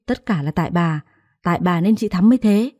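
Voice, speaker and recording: A woman's voice: on the low side, a little fast, warm tone, no room sound, studio quality, natural voice. A woman voicing a stern, blunt young husband in a family drama story. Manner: stern, curt.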